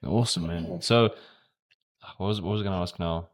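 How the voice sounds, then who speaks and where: A man hosts a casual podcast conversation. His voice is very deep, and he keeps the talk moving with quick, encouraging interjections. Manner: short encouraging backchannels. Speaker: podcast host.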